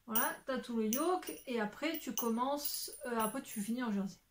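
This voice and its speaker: Seated at home before some shelves, a young knitting podcaster holds up her work to the camera and talks casually. Her voice is a little high, at normal speed, with slight background noise. She rambles, full of fillers and self-corrections, and now and then swears before apologizing.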